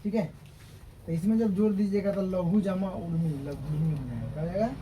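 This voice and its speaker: High-voiced man teaching a class. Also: fairly quick, mellow, slight background noise, poor audio. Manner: repetitive step-by-step explaining, often checks understanding. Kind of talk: classroom grammar lecture. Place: coaching classroom with students.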